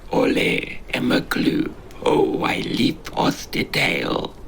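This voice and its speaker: A man voicing a small, clumsy, excitable creature with tentacles, antlers and wings in a storybook tale, speaking in a trembling, whispery squeak. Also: slow, slight background noise. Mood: flustered.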